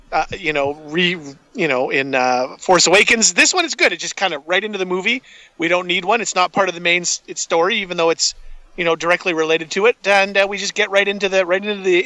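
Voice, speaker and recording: High, bright-voiced excitable man. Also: clean tone, no room sound. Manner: excitable, profane, rambling with many restarts. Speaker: podcast co-host. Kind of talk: casual movie review chat.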